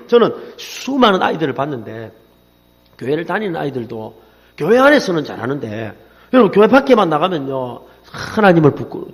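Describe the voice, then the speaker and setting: A man in his forties with a Gyeongsang accent preaching a sermon, telling stories with animation and calling on the congregation to repeat after him. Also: on the high side. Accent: Gyeongsang Korean. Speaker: pastor. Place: church sanctuary. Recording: long reverb in a church hall.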